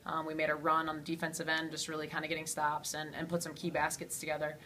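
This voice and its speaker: A woman head coach answering postgame questions in a steady way, with frequent ums and you-knows. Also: low-pitched, quick pace, a little hiss or hum. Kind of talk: postgame interview.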